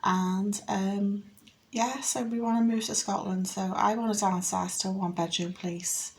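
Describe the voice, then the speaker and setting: Her voice is mid-range, steady and at normal speed. She's a home renovation vlogger in her fifties with a Liverpool accent, casually and plainly chatting as she rambles through a tour inside her house.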